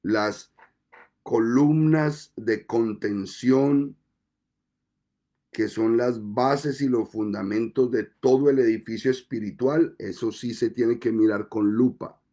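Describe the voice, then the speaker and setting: A male pastor delivers his sermon at an unhurried, deliberate pace. His voice is mellow and dark-toned, and he lets pauses settle between phrases. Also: mid-range voice. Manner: slow, deliberate preaching with measured pauses.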